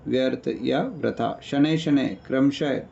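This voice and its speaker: A man's voice: mid-range voice, steady tone, measured pace, creaky, mellow, muffled recording, slight background noise. A man teaching an online grammar class, patiently explaining and listing word meanings, often checking in with his students. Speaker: Sanskrit teacher. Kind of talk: online class revision lecture.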